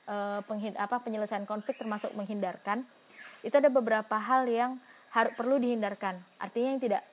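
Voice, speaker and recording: A woman with a medium-pitched voice gives a university lecture in an explanatory style. She poses questions to herself and answers them, using fillers frequently.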